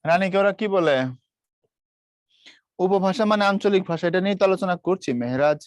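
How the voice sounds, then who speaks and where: A man's voice: high-pitched, normal speed, dry recording. A man from Bangladesh teaching a live online class, quizzing students and imitating regional dialects. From Brahmanbaria, Bangladesh.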